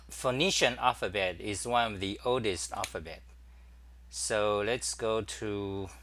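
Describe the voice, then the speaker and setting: A man hosting a casual livestream, demonstrating his computer workflow and greeting viewers, talking haltingly with many fillers and restarts. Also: lowish voice, a bit bright, a little hiss or hum. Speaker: talk show host. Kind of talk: casual screen-share livestream.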